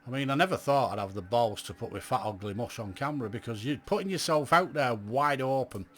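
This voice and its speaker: A middle-aged Englishman with a mid-range, slightly bright voice rambles through a casual vlog about his amateur radio hobby. He's blunt and chatty, addressing viewers directly and asking them lots of questions.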